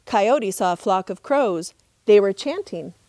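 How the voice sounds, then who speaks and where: A middle-aged woman, a park ranger, reading a trickster tale as expressive, measured storybook narration outdoors. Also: mid-range voice, dry recording, studio quality. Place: outdoors in open desert.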